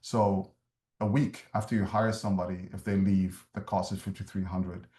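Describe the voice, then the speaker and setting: A man from Somalia speaks in a low, dark voice, laying out points in a measured, explanatory way with frequent ums. He sounds like he is in a roomy, echoey space. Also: flat delivery, a little hiss or hum. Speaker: refugee services speaker. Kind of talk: webinar presentation.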